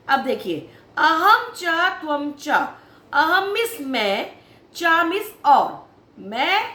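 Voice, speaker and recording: A woman teaching Sanskrit to schoolchildren in a video lesson, calling them beta and saying each word slowly before giving its meaning, with quick rushed asides in between. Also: high-pitched, bright, forceful tone, reverberant. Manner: sing-song emphatic teaching cadence, sometimes rushed asides. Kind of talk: online lesson explaining a textbook chapter.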